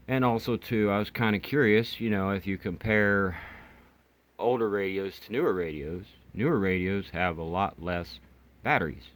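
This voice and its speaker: With a deep, slightly bright voice, this man hosts a hobbyist video reviewing radios. His unscripted demo is casual, hesitant and rambling, and the recording has clear background noise.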